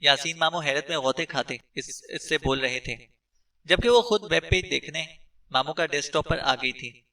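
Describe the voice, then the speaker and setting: A man narrating a suspense novel in a steady storytelling manner. His voice is very bright and slightly high, and it sits back from the mic. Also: moderate pace, distant mic. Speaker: audiobook narrator. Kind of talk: scripted narration.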